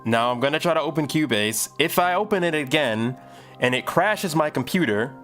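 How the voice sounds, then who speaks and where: A slightly high, animated voice with a bit of brightness comes from a man in his thirties who chats casually while working on music during a livestream. He speaks at a moderate pace, rambling and thinking aloud, with faint music behind.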